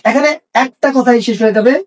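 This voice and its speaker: A man teaching an English lesson. He asks questions and then answers them, and spells out English phrases slowly. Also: very high-pitched, distant mic.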